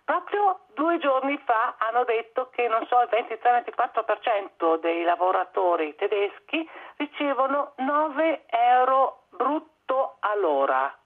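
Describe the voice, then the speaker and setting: A woman's voice: fairly high pitch, animated, unhurried. A woman from Italy with a slight German tinge to her Italian, giving spontaneous interview answers as an expert, often searching for words and repeating them. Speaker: expert guest on migration. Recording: muffled narrow-band phone or radio line.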